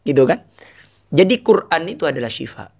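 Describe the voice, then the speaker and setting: A man preaching in casual with a tinge, chanting verses slowly between animated explanations. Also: a little high, gravelly, breathy edge. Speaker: Islamic preacher. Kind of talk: casual religious talk.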